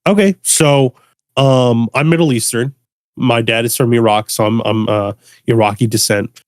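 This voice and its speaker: Young man, relaxed podcast guest, loose and chuckling, dry close sound. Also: medium pitch, normal speed, no room sound. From United States. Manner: laid-back, laughs often, repeats words. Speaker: guest bass music producer. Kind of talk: casual podcast conversation.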